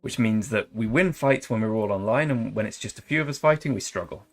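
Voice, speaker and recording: With a lowish voice and a brisk delivery, a young streamer talks casually over strategy gameplay, full of jokes, tangents, and silly accents. Faint music plays behind him.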